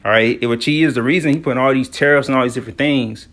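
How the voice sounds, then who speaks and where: Quick and a bit bright, a mid-range American man riffs on scripture and the news as a religious commentator. The delivery is casual and full of slang, and he leans on "all right" and "you know" again and again.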